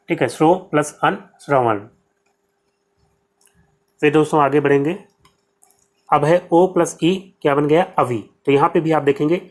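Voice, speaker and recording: A man with a Hindi accent teaching an exam-prep grammar lesson, explaining step by step, asking questions and answering them himself. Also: a little high. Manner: explains step by step, repeats "ठीक है" often.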